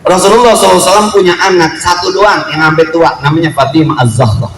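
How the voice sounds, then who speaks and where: A man preaching a storytelling sermon at a family celebration, lively and joking, acting out quotes in street slang. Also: on the high side, fast, slight background noise. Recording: echoey room with faint ambience.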